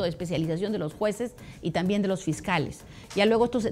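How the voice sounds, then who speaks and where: A woman's voice: mid-range voice, slight background noise. A middle-aged woman, a former director of judicial training, speaking emphatically in a panel discussion. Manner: emphatic, grows forceful and loud.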